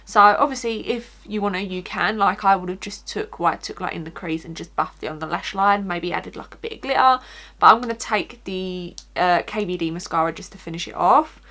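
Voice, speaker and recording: A woman's voice: on the low side, fairly quick, sharp tone. Chatty woman with an Essex accent. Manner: informal, chatty, frequent "like". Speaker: beauty vlogger. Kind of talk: casual makeup tutorial chat.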